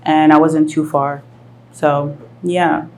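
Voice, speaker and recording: A woman in her thirties from France, hosting a live podcast and talking through her story in a thoughtful, reflective way with many pauses and fillers. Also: deep voice, flat delivery, slight background noise. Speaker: podcast host. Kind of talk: casual live podcast conversation. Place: live event venue with audience.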